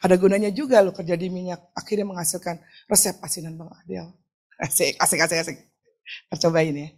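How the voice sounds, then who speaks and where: A middle-aged woman pastor from Indonesia preaching a lively, joking sermon with a personal testimony, often asking the crowd to answer back. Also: lowish voice, fairly quick. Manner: chatty, joking, asks the crowd for replies; acts out quoted talk in shifting voices. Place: church hall.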